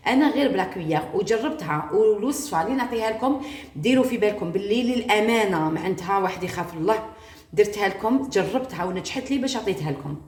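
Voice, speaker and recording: A woman's voice: medium pitch, expressive, very fast, a little mellow, roomy sound. A woman with an Algerian Arabic accent, chatting with viewers as she cooks at home and mixing French words into her talk. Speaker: cooking vlogger. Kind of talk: casual cooking tutorial.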